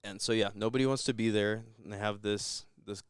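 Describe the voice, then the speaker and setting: A man's voice: on the low side, steady tone, a little fast, clean tone, no echo, studio quality. A man co-hosting a podcast, giving a rambling, laid-back recap of a movie in casual chat with chuckles. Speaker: podcast co-host.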